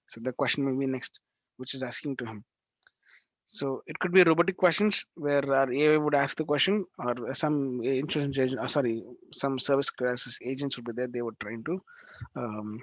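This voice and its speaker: A man teaching a live online class over a video call, talking in halting bursts with restarts and frequent check-ins with his students. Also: mid-range voice, no room sound. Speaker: instructor. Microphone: video call microphone. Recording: dull lo-fi call audio.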